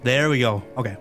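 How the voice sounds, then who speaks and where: A man streaming a game live, chatting excitably with viewers and laughing often. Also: medium pitch.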